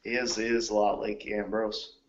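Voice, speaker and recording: A man's voice: lowish voice, little pitch movement, normal speed, lo-fi sound. A man co-hosting a casual wrestling talk show, recounting stories with plenty of hesitant fillers. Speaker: co-host.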